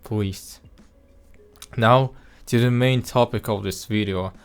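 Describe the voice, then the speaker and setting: Faint music plays behind a man with a fairly low, clear, resonant voice who speaks slowly with fairly even intonation. Speaking English as a second language with what listeners take for a Russian accent, he earnestly reviews a film in a casual way, full of restarts and filler words.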